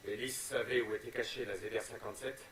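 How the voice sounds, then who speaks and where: Video game sergeant, male actor: firm, dutiful, quick delivery, slightly distant. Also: medium pitch, fairly even intonation, a bit bright, close to an everyday voice. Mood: firm, businesslike. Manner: brisk, formal, firm. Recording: echoey, slightly distant, faint noise.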